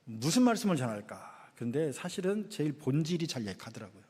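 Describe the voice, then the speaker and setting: A man's voice: fairly high pitch, very animated, brisk, a little mellow, slightly rough. A middle-aged man preaching a sermon in a chatty, self-deprecating way with touches of humor. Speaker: guest pastor. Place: church sanctuary. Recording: long church reverb.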